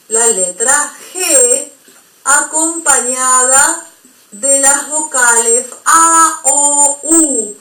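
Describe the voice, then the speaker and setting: A woman's voice: high-pitched, a bit bright, roomy sound, low-quality recording. A woman teaching a language lesson, explaining patiently and checking in with her students. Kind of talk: recorded online language lesson.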